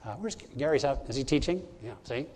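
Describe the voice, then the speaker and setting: A man's voice: medium pitch, animated, quick pace, a little mellow. A man who is a pastor, preaching a sermon to his congregation, emphatic and walking through his points one by one. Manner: emphatic, teaching point by point, addressing the congregation directly. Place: church service.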